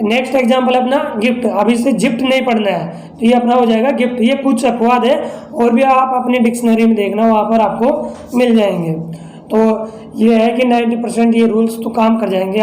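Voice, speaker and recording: A man's voice: extremely high pitch, darkish tone. Male teacher, patient and repetitive classroom delivery, recorded in a reverberant room. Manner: patient, repetitive explaining, addresses viewers as friends. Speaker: English pronunciation teacher. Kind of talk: online classroom lesson. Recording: echoey room.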